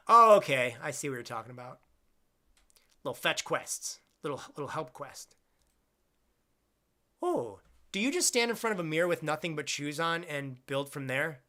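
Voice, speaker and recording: Bright-voiced young man chatting on stream. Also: fairly high pitch, lively intonation, brisk. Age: 20s. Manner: rambling, self-deprecating, jokey. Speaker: streamer reading chat. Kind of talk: casual live-stream chat.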